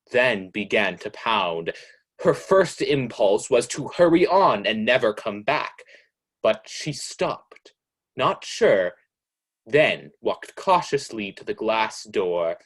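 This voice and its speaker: A man's voice: medium pitch, slightly rough. A man playing a mysterious, all-knowing narrator in an old-time radio suspense play, speaking in a theatrical, ominous way.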